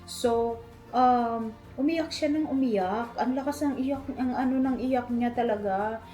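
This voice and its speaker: A middle-aged woman from the Philippines shares a heartfelt personal story, mixing Tagalog and English. Her voice is mellow and dark, with faint music playing underneath. She talks in loose, repetitive phrases, and her pitch climbs when she gets emotional. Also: unhurried. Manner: Tagalog-English code-switching, repeats phrases, fillers like "ah" and "ano"; emotional, rising high when moved. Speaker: vlogger, hairdresser.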